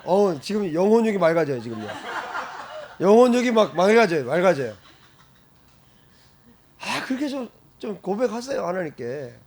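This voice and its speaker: 활기찬 남자 목사의 설교. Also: male voice, sits high, fairly quick, slight background noise. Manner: animated, shouts out exclamations and laughs often. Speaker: pastor. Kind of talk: sermon.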